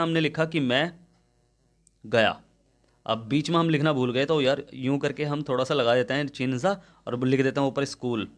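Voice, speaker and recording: A young man at a mid pitch teaches an exam-prep lesson in Hindi grammar. He walks through each question slowly and in plain words. He keeps checking whether his students follow. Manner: explains step by step, checks often with "ठीक है".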